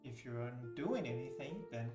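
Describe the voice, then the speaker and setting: A man narrating as game master of a tabletop game, hesitant and pausing often as he addresses the players. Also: medium pitch, lively intonation. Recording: roomy, distant microphone, music behind.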